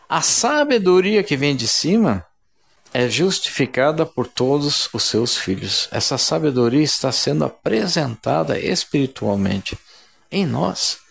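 A man's voice: fairly high pitch, expressive, a little slow, vocal fry, breathy edge. A man preaching a sermon in a fervent, emphatic way, often addressing his listeners as brothers.

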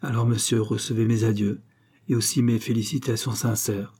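A man's voice: lowish voice, little pitch movement, normal speed, mellow, slightly rough. A man reading the part of a poised, ironic young widow in an audiobook. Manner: ironic, lightly teasing.

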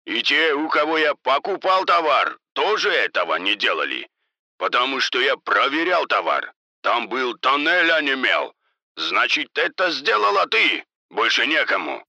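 A man's voice: mid-range voice, very animated, normal speed, vocal fry, pushed and bright, no echo, heavily acted. A man voicing an angry drug boss who speaks harshly and menacingly.

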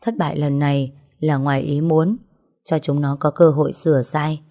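A woman's voice: deep voice, little pitch movement, normal speed, mellow. A woman voicing an older male gang advisor who speaks in a soothing, persuasive way. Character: older man, calm gang elder advisor.

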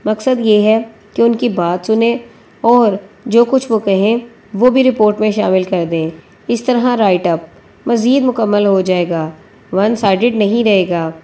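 A woman's voice: medium pitch, warm tone, natural voice. A woman voicing an older male newspaper editor, a chain-smoker who is coaxing and bossy. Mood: instructing.

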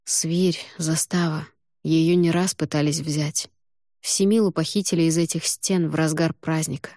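A guarded young man with a foreign accent, as a woman narrator puts him on, clipped and quiet. He talks low and subdued, in few words, and the recording is dry and close. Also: steady tone, a little slow, no room sound. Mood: serious. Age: young adult. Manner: terse, quiet, curt.

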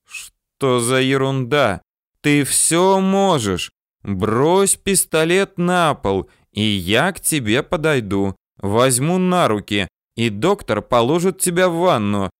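A man voicing a steady male surveyor who speaks slowly and calmly under threat. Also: mid-range voice, clean tone, dry recording, clean studio sound, pitched above the performer's own voice. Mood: coaxing. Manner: slow, coaxing, calm.

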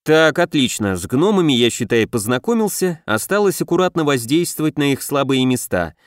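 A man reading a first-person fantasy audiobook in an even, storytelling manner. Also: medium pitch, a little fast, dry recording, clean studio sound. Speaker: audiobook narrator.

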